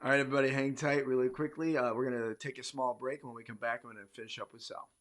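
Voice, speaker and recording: An American man hosting a casual live-stream interview show, rambling with many fillers and sudden swings in loudness. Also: medium pitch, little pitch movement, racing. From United States. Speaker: show host.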